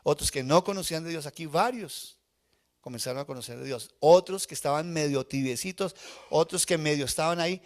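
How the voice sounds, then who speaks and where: Man, fairly high voice, emotional testimony-style preaching that keeps questioning the church. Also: brisk. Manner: emotional personal testimony, asks the congregation questions. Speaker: pastor. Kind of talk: live sermon. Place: church sanctuary before a congregation.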